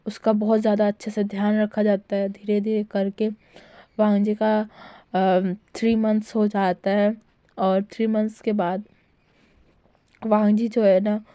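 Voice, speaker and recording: A woman's voice: mid-range voice, flat delivery, measured pace, mellow, smooth, dry recording, muffled recording. A woman retelling a fan-fiction story in a chatty, casual way with many fillers.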